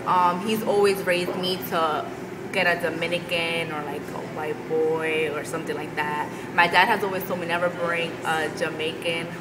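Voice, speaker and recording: A woman's voice: fairly low pitch, little pitch movement, normal speed. A young Haitian American woman, a student, speaking candidly and reflectively in a documentary interview. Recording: echoey hall with noise.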